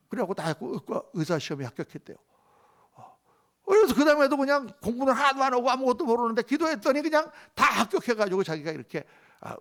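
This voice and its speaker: A man's voice: fairly high pitch, fairly bright tone. A male pastor preaching a sermon, emphatic, often asking the congregation questions.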